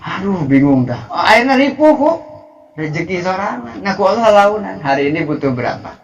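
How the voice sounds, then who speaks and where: A young adult man with a Sundanese accent preaching a lively, playful sermon and acting out prayers. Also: sits high, a little fast, muffled recording. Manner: animated, playful, acts out prayers and voices.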